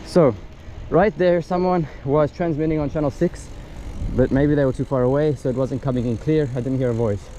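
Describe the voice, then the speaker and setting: Outdoors amid loud wind and ambient noise, a gadget reviewer demonstrates a product hands-on, casually explaining each step as he goes. He speaks at a normal pace with a steady, medium-pitched voice.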